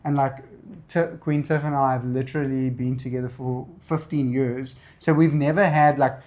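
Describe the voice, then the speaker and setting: A man from South Africa with a clear Afrikaans accent talks casually in a Q&A. He is a native Afrikaans speaker, with an average-pitched voice. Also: fairly even intonation, normal speed, a little mellow. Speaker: content creator. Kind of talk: casual Q&A chat.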